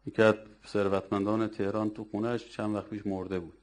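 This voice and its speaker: A man with a very low, deep voice delivers a sermon. He presses his listeners hard with rhetorical questions and scolds them. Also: little pitch movement, darkish tone. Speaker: preacher. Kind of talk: religious sermon.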